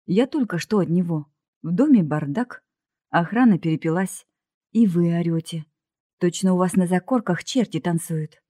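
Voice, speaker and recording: A grumpy old woman who scolds everyone around her, as a woman reads her part. She sounds gruff and reproachful, with a low, darkish voice. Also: normal speed, warm tone, no echo, studio quality, close to an everyday voice. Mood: indignant.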